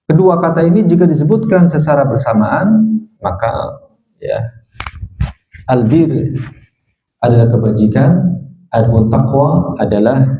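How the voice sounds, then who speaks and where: A man teaching a religious study lecture, reciting Arabic verses and then explaining them, often tagging his sentences with "ya". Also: medium pitch. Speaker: Islamic teacher. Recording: echoey, phone-like thin sound.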